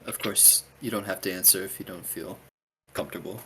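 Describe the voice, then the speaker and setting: A man's voice: low-pitched, steady tone, a little fast, sharp tone, soft background music. A man playing a courteous adventurer. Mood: polite. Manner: formal, deferential phrasing. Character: courteous male adventurer, formal and polite.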